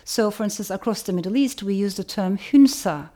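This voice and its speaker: This woman from Turkey, medium-pitched and mellow, offers a reflective educational talk in a careful, steady manner, echoing phrases to underline them.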